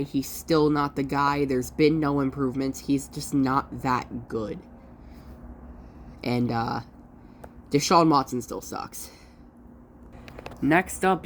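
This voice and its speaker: A woman with a low, deep voice and a stuffy, congested sound from allergies. She talks in a loose, chatty way, joking at her own expense and restarting sentences as she goes. A faint hum of room ambience sits behind her. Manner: chatty, self-deprecating, restarts often. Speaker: sports prediction vlogger. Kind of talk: casual solo commentary.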